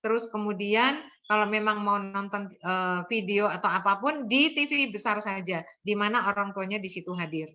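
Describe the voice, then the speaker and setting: A woman's voice: medium pitch, moderate pace, sharp tone, highs cut off. An older woman, a nursing lecturer, giving an earnest lecture full of anecdotes and often checking in with her listeners. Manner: earnest, tags sentences with "ya".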